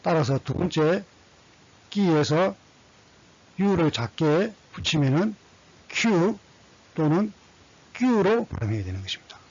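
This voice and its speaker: A man's voice: fairly high pitch, expressive, moderate pace, pauses often, darkish tone, breathy edge, dull audio. A man teaching a language lesson, reading syllables one by one and repeating set phrases. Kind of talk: slow scripted lesson, reading kana aloud.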